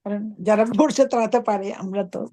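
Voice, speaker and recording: A woman's voice: medium pitch, quick pace, dark tone. A woman student in the class, giving short questions and acknowledgements to her teacher.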